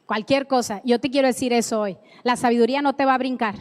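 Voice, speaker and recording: A woman's voice: fairly high pitch, fairly even intonation, fast. A woman preaching a sermon in a church, emphatic and repeating key phrases, with playful asides. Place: church sanctuary. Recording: echoey hall with long reverb.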